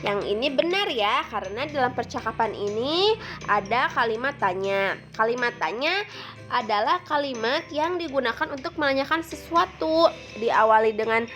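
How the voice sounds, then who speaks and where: A woman's voice: a little high, animated, moderate pace, fairly bright tone, faint music behind. A woman teacher giving a patient lesson to second graders, explaining step by step with frequent fillers.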